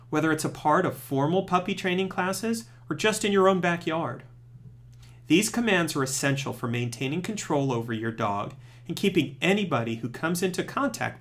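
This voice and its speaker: A man presenting scripted training tips, giving clear step-by-step instructions as a narrator. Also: a little high, a bit bright.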